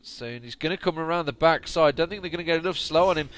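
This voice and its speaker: A man's voice: a little high, fast. A tired man giving chatty, rambling solo play-by-play commentary on a video game late at night, often correcting himself. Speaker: esports commentator. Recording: steady noise under the voice.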